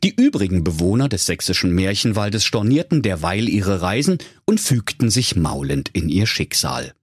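A man reading a comic fairy-tale story with deadpan, playful emphasis. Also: sits low, normal speed, husky, no room sound, clean studio sound.

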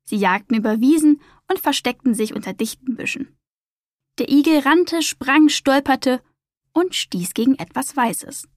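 A woman's voice: high voice, lively intonation, moderate pace, a little mellow, no echo, clean studio sound. Woman reading a children's story. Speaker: narrator.

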